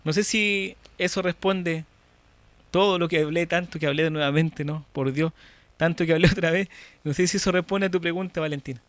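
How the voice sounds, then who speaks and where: This man speaks in a fairly high voice with a Chilean accent. He teaches an online church class in a lively, demonstrative way and addresses his students directly. His voice sounds dry and close over a computer microphone. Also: fairly quick, dry recording. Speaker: church course instructor and moderator.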